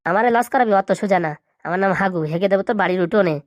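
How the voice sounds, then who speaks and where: A woman's voice: medium pitch, racing, dry recording, highs cut off, lightly acted. A woman voicing a boastful, threatening male toy seller at a fair in a cartoon, full of bluster. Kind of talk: cartoon voice acting.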